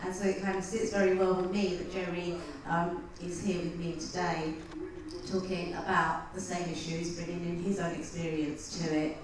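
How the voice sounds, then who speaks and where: A woman's voice: on the low side, flat delivery, normal speed, distant mic. A woman moderating a conference panel, introducing a guest with frequent hesitations. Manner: hesitant, many ums. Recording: echoey hall mic with room noise.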